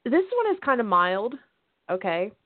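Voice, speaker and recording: A woman's voice: mid-range voice, big pitch swings, moderate pace, no echo. A woman hosting a podcast in casual chat, giggly and chatty. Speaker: podcast host. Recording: dry, phone-like line.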